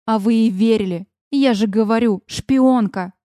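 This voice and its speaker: A woman voicing a suspicious, sharp-tongued young fairy woman who speaks with mockery. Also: on the high side, unhurried, no room sound, studio quality, pitched below the performer's own voice, lightly acted. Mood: scornful. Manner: mocking, scornful.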